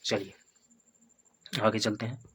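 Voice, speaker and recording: A man teaching a Hindi grammar lesson for exam preparation. He repeats each point, sounds out vowels slowly as examples, and keeps checking in with "है ना" and "ठीक है". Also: fairly low pitch, level tone, a bit bright, slight background noise. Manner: repetitive, explains step by step with tags like "है ना" and "ठीक है".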